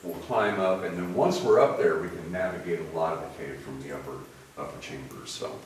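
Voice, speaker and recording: A man's voice: sits low, fairly quick. A man working as a cave tour guide, giving informal explanatory commentary with trailing sentences, his voice echoing in the cave. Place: inside a limestone cave. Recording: echoing cave, distant mic, faint noise.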